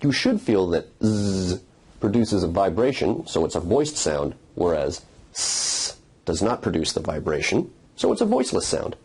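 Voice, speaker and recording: A man's voice: low-pitched, sing-song, moderate pace, darkish tone, husky. A man narrating a scripted phonetics lesson, explaining and demonstrating speech sounds in a methodical way. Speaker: phonetics instructor.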